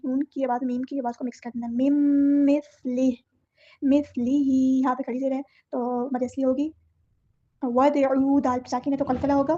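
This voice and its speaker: High-voiced woman teaching recitation, slow drawn-out words. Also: dark tone, dull audio. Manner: explains slowly, then recites words drawn out. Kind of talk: tajweed lesson.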